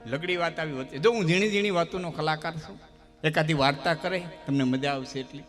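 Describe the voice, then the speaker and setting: A man holds a live folk storytelling stage. His voice sits high and rings bright and forceful, and he repeats phrases in a rhythmic build that swells into loud declamation. Faint instrumental music plays underneath. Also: a little fast.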